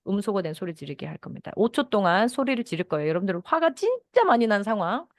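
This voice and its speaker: Gentle Korean woman teaching teachers. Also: medium pitch, big pitch swings, quick pace, no echo, clean studio sound. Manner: gentle, acts out soothing teacher lines to a child. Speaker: mindfulness and parenting educator. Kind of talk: lecture to teachers.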